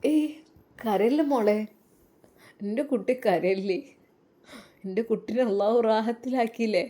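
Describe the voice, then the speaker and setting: A woman voicing a tender older mother who soothes her daughter in a soft, coaxing way. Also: medium pitch, unhurried, natural voice. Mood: tender, soothing.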